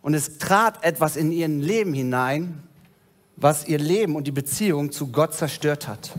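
A male pastor preaching a sermon, retelling scripture in a storytelling way and dropping low and soft at solemn moments. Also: a little hiss or hum.

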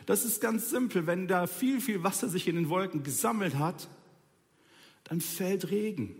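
A man with a high voice gives a relaxed, chatty sermon, talking straight to the listeners. He keeps it colloquial and teases with dry irony. The sound rings out with a long, reverberant tail. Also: normal speed. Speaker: preacher. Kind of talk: informal sermon.

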